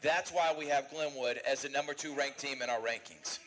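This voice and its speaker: A man's voice: medium pitch, fairly bright tone, slight background noise, rough recording. A man co-hosting a live sports talk show from a bar, rattling off team rankings with enthusiasm. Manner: fast, enthusiastic rundown of rankings. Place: bar and grill.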